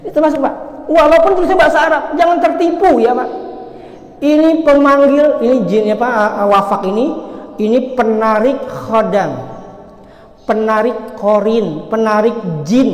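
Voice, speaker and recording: Chatty male preacher in an echoey hall. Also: very high-pitched. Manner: chatty, addresses listeners directly and jokes with them; swings between loud emphatic and quiet asides. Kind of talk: casual sermon to a congregation. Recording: roomy hall with long reverb.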